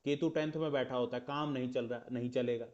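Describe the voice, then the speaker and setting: A fast-talking man with a medium pitch, steady tone, and darkish timbre teaches astrology in Hindi with English terms, using rhetorical questions and mock back-and-forths in a conversational style. The sound quality is lo-fi.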